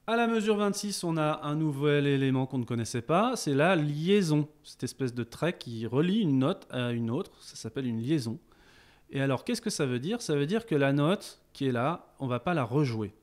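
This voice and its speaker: Male music teacher, lively rising and falling voice, patient explainer, a touch high. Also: normal speed. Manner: chants rhythm syllables loudly, then explains calmly. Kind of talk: rhythm lesson with counting and clapping.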